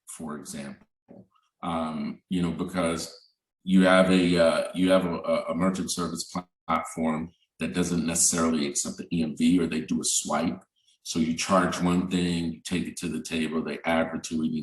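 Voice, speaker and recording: A man speaking as a bank representative on a virtual business panel, conversational and full of "um" and "you know". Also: deep voice. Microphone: video call. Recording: roomy, distant video-call audio.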